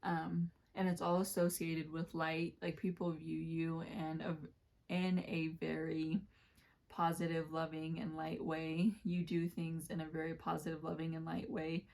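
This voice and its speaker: A woman with a low, level voice that has a slight scratch to it, giving a casual tarot reading. She rambles along with plenty of fillers and keeps correcting herself. Her pitch stays even and rarely climbs. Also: unhurried, gravelly. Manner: rambling, warm-hearted, many fillers and self-corrections. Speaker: tarot reader.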